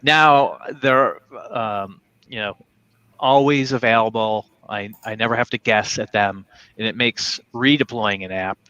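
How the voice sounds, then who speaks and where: A man co-hosting a livestream over a video call, chatting in a relaxed, jokey way about his projects. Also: on the low side, measured pace, no room sound. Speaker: co-host. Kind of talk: casual livestream chat.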